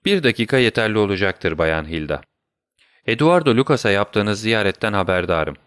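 A man's voice: on the low side, animated, normal speed, fairly bright tone, clean tone, no echo, clean studio sound. A man voicing a brilliant male detective in an audiobook reading, speaking firmly and with command. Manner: firm, commanding.

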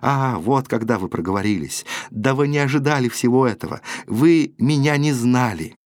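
A man's voice: mid-range voice, lively intonation, moderate pace, dry recording, studio quality, voice pushed up, natural voice. A man voicing a passionate, proud eighteen-year-old woman who speaks with emotional reproach. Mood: reproachful.

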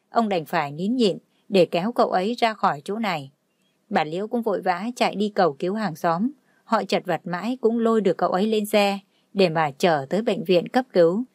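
A woman narrating a dramatic story in a steady, even way. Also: medium pitch, no room sound, clean studio sound. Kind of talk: scripted narration.

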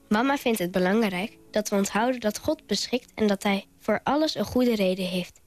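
A woman's voice: mid-range voice, lightly acted. Woman voicing a tender, earnest little girl in a radio play, inner monologue. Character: earnest young girl thinking about her mother.

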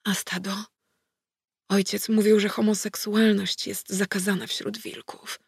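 A man's voice: sits high, normal speed, vocal fry, husky, no echo, studio quality, heavily acted. A woman doing a shy, sad young werewolf boy. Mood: hesitant. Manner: hesitant, soft, ashamed.

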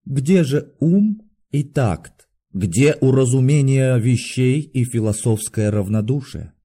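A man narrating a classic story in a steady, measured reading voice. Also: mid-range voice. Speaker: audiobook narrator. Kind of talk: scripted narration.

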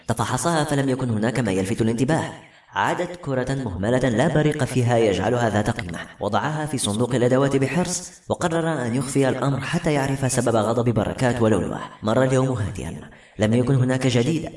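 A male audiobook narrator reads a novel at a quick, steady clip. His voice sits at an ordinary middle pitch. The recording sounds roomy and echoey. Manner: brisk, steady reading. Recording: roomy echo.

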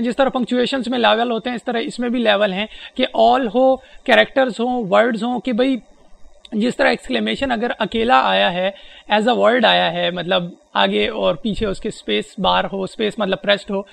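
Gravelly high-voiced man giving a tutorial. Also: fairly bright tone. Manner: explains step by step with frequent hesitations. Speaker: presenter demonstrating a screen reader. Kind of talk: spoken software tutorial.

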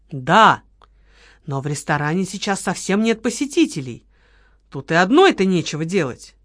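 Steady audiobook narrator, dry sound. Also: mid-range voice, no echo. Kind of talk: scripted narration of a detective novel.

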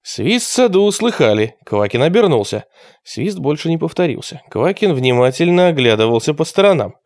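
A man narrating an audiobook in an expressive storytelling manner. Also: a little high, brisk, no echo, studio quality.

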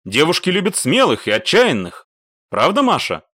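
A man's voice: on the high side, huge pitch swings, normal speed, fairly bright tone, slightly rough, no room sound, clean studio sound, pitched above the performer's own voice, full character voice. A man voicing a cocky, mocking young male soldier in an audiobook. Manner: teasing, smirking.

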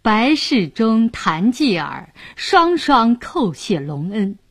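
A woman narrating a traditional Chinese story in an expressive, dramatic way. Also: fairly high pitch, takes it slowly, slightly rough, no echo.

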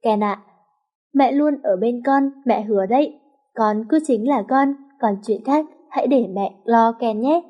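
A woman voicing a gentle, caring young nanny who speaks softly. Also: fairly high pitch, a little slow, dull audio. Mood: soothing. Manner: soft, soothing, tender.

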